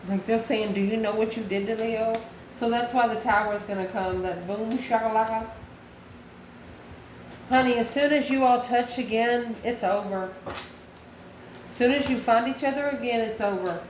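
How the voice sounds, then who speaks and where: Speaking at normal speed in a fairly high voice, a tarot reader and channel host addresses viewers as honey and baby in a familiar, folksy manner, stressing points by repeating them. Echo and clear background noise are present.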